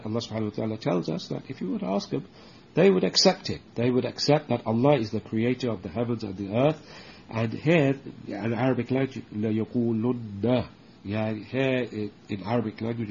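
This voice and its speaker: A man teaching a religious book lesson, explaining slowly with many restarts and checking in with "okay?", and reciting Arabic verses quickly. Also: medium pitch, vocal fry, darkish tone, dull audio, slight background noise. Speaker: Islamic teacher.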